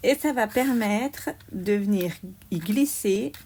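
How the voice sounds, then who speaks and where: Woman, craft tutorial host, unhurried step-by-step delivery, faint background noise. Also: medium pitch, expressive, mellow. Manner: slow, explaining each step aloud, small "hop" asides. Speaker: craft demonstrator.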